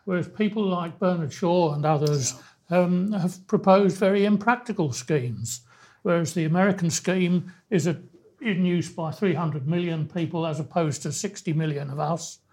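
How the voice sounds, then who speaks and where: A man who grew up in Wales, speaking as a podcast guest in a measured way with hesitant starts. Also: high-pitched, a little mellow. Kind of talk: conversational discussion.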